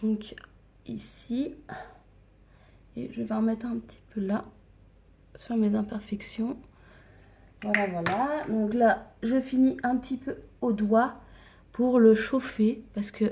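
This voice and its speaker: A woman talking casually through her morning makeup routine on camera, hesitant and full of fillers, sometimes dropping to a whisper, filmed with her phone. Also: fairly high pitch. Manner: hesitant, many fillers, slips into soft whispers. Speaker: makeup vlogger. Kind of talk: casual makeup tutorial chat.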